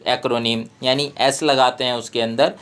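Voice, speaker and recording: A man with an Indian English accent, a tutor who slowly reads out textbook exercises and explains them. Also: mid-range voice, fairly even intonation, a bit bright, smooth. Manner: slow, deliberate reading of English prompts, explains in Hindi.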